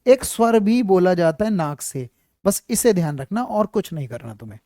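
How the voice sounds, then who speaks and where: A man teaches a live Hindi class, walking students through letters and their sounds. His voice is dark and mellow, recorded close and dry with no room around it. He repeats points and keeps asking if the class is following. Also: high voice, sing-song, moderate pace, dry recording. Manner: repetitive, checks often that students follow; addresses students fondly as child. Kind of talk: live online class, explaining at a board.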